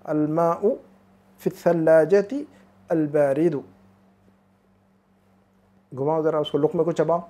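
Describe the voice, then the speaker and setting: Patient, mellow-voiced male language teacher. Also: a little high, steady tone. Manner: drills phrases slowly, then explains quickly. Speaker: Arabic teacher. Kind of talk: one-on-one language lesson.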